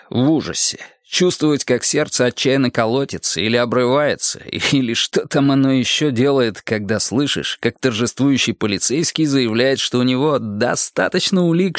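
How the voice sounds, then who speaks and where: A man reading a novel aloud in a measured, dry and wry way. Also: medium pitch, no room sound. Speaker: audiobook narrator. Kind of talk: scripted narration.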